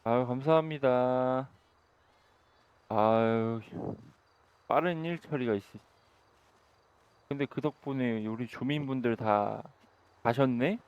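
A man's voice: mid-range voice, slow pace, pauses often, clear, resonant tone, highs cut off. Chatty, sarcastic man doing game role-play. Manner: chatty, sarcastic, bursts into loud shouting.

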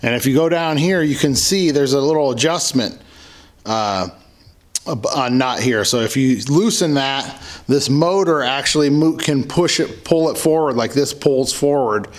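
A man's voice: mid-range voice, expressive, normal speed. A middle-aged man casually showing a benchtop tool in his home garage workshop, explaining plainly and correcting himself as he goes. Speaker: homesteading channel host. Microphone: camera mic off-screen, hands in frame.

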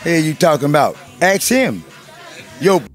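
Loud, taunting man, high voice. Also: big pitch swings, unhurried, soft background music. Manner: loud, profane, sing-song taunting. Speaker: passerby being interviewed. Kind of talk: street interview.

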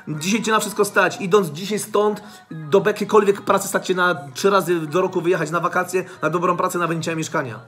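Motivational vlogger, male, high husky voice, blunt and preachy, swears a lot, faint music underneath. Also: a bit bright. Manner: swears freely, preachy, repeats himself.

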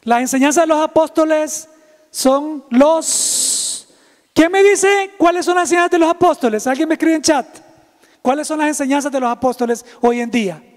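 A male pastor, preaching a livestreamed sermon in a lively, teasing way and calling out to chat viewers. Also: very high-pitched, moderate pace, long reverb tail.

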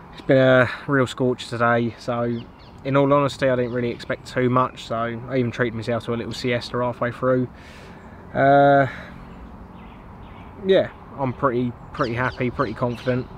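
A young Englishman who vlogs about angling talks to his camera mic from a lakeside fishing tent, sitting in front of the camera. His mid-range voice stays relaxed and understated in this casual narration, with clear ambient noise from outdoors.

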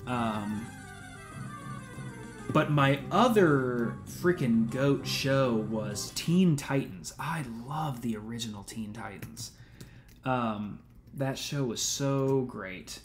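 A man in his twenties talks through his gameplay in a loose, rambling way, dropping "um" and easygoing slang as he goes. His voice sits at an ordinary middle pitch. Faint game music plays underneath. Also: slow pace. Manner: rambling, laid-back, frequent "um" and slang like "dude" and "man". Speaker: let's play streamer. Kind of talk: casual gameplay commentary.

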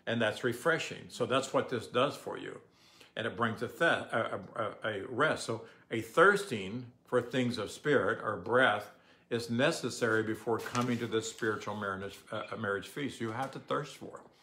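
An older man giving a relaxed, conversational sermon, often asking the audience questions. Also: mid-range voice, moderate pace, a little hiss or hum. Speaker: pastor. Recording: echoey room.

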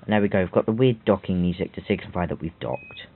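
A man's voice: deep voice, quick pace, slight background noise. A man giving rambling game walkthrough commentary with self-mocking asides. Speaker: game tutorial host. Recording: tinny phone-like audio.

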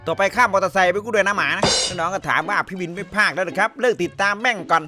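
A man's voice: high-pitched, racing, music in the background. A young man streaming a shooter game, cracking crude jokes and swearing through rowdy comedic commentary. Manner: rowdy, joking and crude, full of swearing and banter.

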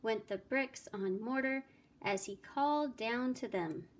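A woman teacher reading a fairy tale aloud in a slow, deliberate, expressive way. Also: on the high side. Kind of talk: storybook read-aloud.

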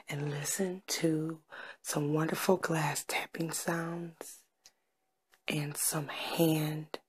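A woman ASMR creator welcoming viewers in a soft, soothing whisper. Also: sits low, a little hiss or hum.

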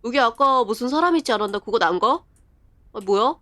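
Excitable woman streaming a horror game. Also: a little high, no room sound, studio quality. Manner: chatty, translates in-game text aloud as she plays; bursts of rapid repeated exclamations. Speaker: live streamer. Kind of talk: live horror game commentary.

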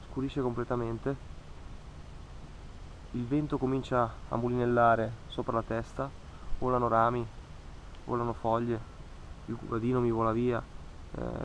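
A thirties-aged fishing vlogger narrates in a creaky, mid-range voice, sounding earnest and cautionary and repeating words for emphasis. It's reflective voice-over recorded outdoors by a tree-lined lake, and the low-quality audio carries a faint hiss or hum.

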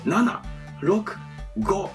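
A man's voice: high-pitched, expressive, extremely slow, creaky, recorded from a distance, over music, voice pushed up, exaggerated voice. A man playing a stern, sly drill sergeant who counts push-ups relentlessly in a comic impression. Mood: relentless counting. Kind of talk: comedic impression in a sketch-like talk.

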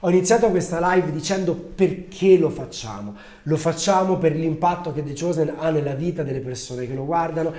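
Male livestream host, earnest storyteller, slightly higher voice, roomy echo. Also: warm tone. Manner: earnest, storytelling, slows down for emphasis. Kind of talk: casual livestream talk with a Bible reading.

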